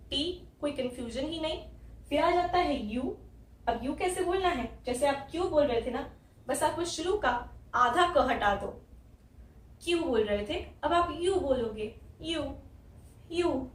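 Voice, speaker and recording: A woman from India patiently teaches English pronunciation, repeating each letter sound slowly. Her voice sits high and unhurried. She sounds a little distant from the mic in an echoey room. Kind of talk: explaining letter sounds step by step.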